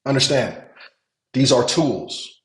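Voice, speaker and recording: A Nigerian man coaches a webinar on hotel investing, teaching in an animated yet slow manner with a mid-range voice. He repeats words for emphasis and asks whether things make sense to check that listeners follow. The room is echoey.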